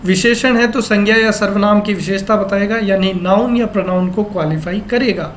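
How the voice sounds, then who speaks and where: A man teaching English grammar from a newspaper text. He asks his class questions and answers them himself, and he reads the English sentences out slowly, word by word. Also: sits high, a little hiss or hum.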